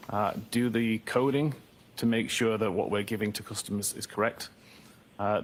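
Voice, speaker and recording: Low-voiced male witness in a courtroom recording. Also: a little hiss or hum. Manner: measured, technical answers with frequent "uh". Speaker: expert witness. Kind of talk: courtroom testimony.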